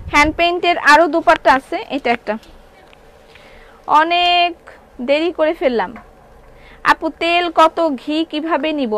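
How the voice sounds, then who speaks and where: A woman with a high, bright-pitched voice sells clothes on a live stream from a showroom, nursing a sore throat as she talks. She chats in a lively way, reads viewer comments aloud and cycles back through prices and ordering steps. A faint hum sits behind her. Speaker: online clothing seller.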